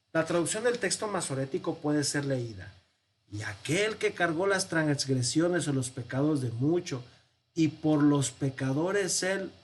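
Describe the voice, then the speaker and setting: Priest for a Bible-study lecture: husky, measured and explanatory, walks listeners through the text. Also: male voice, fairly high pitch. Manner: explanatory, poses rhetorical questions and answers them; walks through a text on screen, counting and pointing.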